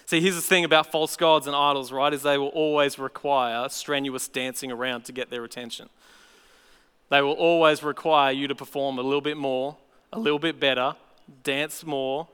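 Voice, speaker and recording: A man's voice: on the high side, bright, forceful tone, clean tone, long reverb tail. A man preaching a sermon as pastor, telling the story with playful asides. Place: church auditorium.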